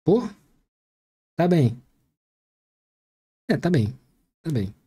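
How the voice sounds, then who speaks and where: A man's voice: a little high, lively intonation, drawn-out words, warm tone, breathy edge. A man hosting a reaction video, making jokey, chatty asides about a press conference. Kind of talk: casual joking commentary.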